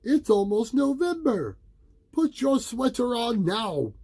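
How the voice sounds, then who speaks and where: A man's voice: very high-pitched, sing-song, slow, a little mellow, slightly rough, voice pushed up, exaggerated voice. A man voicing a worried, insistent mother while reading a storybook to a young child. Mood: exasperated, insistent. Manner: exaggerated parental urging, read to a young child.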